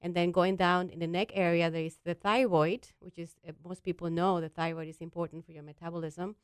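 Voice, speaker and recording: A woman's voice: fairly low pitch, little pitch movement, fairly quick, smooth, no echo. A woman from the Dominican Republic, a doctor explaining things patiently, step by step, as a guest on a talk show. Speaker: endocrinologist guest.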